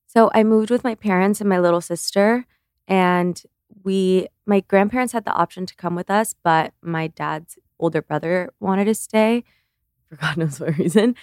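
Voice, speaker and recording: Speaking at normal speed in a fairly low, slightly mellow voice, this twenties-aged woman born in Cuba chats earnestly as a guest on an interview. The beauty creator fills her talk with "like" and frequent restarts, and the clean studio recording carries no room sound.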